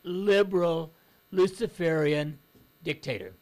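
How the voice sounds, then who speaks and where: A man's voice: fairly high pitch, slow, a little mellow. A man hosting a call-in talk radio show, blunt and outspoken in his opinions.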